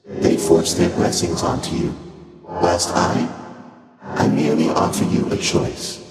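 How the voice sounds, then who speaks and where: A man playing an ancient, courteous, detached deity of chaos in a video game, speaking in formal, stately phrases with faint amusement and a breathy voice in cavernous reverb. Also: low voice, steady tone, unhurried. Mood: detached, wryly amused. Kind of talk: video game character dialogue. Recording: echoing long reverb under loud music.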